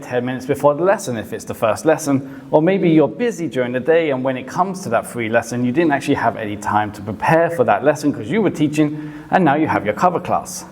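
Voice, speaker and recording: A man who teaches English, casually explaining teaching tips in a relaxed, conversational way with frequent hedges. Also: mid-range voice. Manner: relaxed and conversational, often hedging. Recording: long reverb, hall-like echo.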